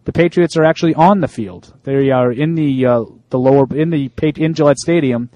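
A mellow, medium-pitched male voice comes through a muffled recording with no room sound. The speaker is an Italian-American sports talk co-host who chats casually and reads out listener emails, pausing on frequent fillers.

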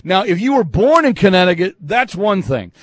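A man's voice: high-pitched, very animated, normal speed. A man hosting a call-in sports radio show, talking in an emphatic, teasing, opinionated way from a studio.

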